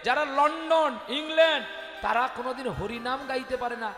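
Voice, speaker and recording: A man's voice: very high voice, normal speed, fairly bright tone. A man preaching and telling stories at a devotional kirtan gathering, dramatic and addressing the audience directly. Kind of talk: devotional kirtan storytelling sermon. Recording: echoey hall with music.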